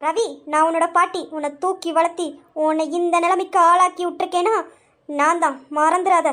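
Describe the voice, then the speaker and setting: A woman playing a scheming old grandmother villain in an audio drama, piercingly high and shrill, barking insults and orders with cold scorn. She talks down to everyone around her. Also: steady tone, normal speed, a bit bright. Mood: scornful. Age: older. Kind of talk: amateur Tamil audio drama.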